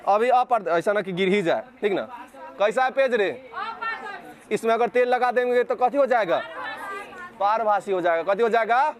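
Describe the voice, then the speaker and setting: A man's voice: sits high, normal speed, long pauses, a crowd in the background. A male physics teacher with a Bihari accent, lecturing a class and firing repeated questions at the students, sometimes scolding them.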